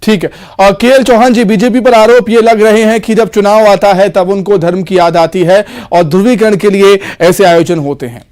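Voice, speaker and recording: High-voiced man pressing with questions. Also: moderate pace, hardly any pauses, a little mellow. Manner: pressing, interjects to redirect questions. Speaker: interviewer. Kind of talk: news interview questioning.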